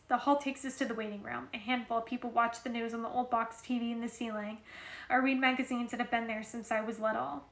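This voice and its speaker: Vorleserin mit halliger Stimme. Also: female voice, a little high, a bit bright. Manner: casual reading with occasional restarts. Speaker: reader. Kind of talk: reading a novel aloud. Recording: roomy echo.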